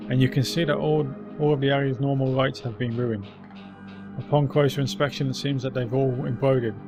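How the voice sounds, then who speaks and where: A man hosting a let's play, commenting casually and reading the game's text aloud. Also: mid-range voice.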